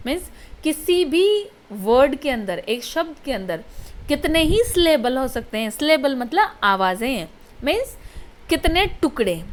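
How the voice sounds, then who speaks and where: A woman's voice: high voice, fairly bright tone. A woman college lecturer with an Indian English accent explaining poetry to students, patient and explanatory, repeating key terms.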